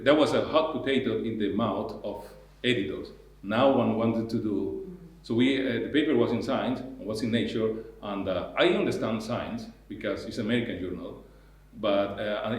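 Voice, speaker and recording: A man giving an academic lecture in a lecture hall, halting and full of restarts and repeated words. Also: mid-range voice. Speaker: university lecturer. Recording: echoey hall sound.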